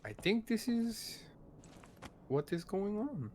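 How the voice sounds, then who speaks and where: A man's voice: sits high, sing-song, slow, darkish tone, a little hiss or hum. A man chatting and joking casually on a game stream, often restarting his words.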